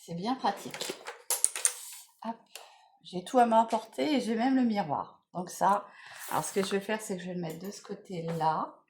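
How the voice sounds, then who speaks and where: A woman's voice: medium pitch, moderate pace, long pauses, background noise. A middle-aged woman chatting casually through a morning makeup vlog, tired and rambling, often trailing off and getting back on track. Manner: rambling, chatty, full of "voilà" and "bon, bref". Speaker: beauty vlogger. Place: at home in the morning.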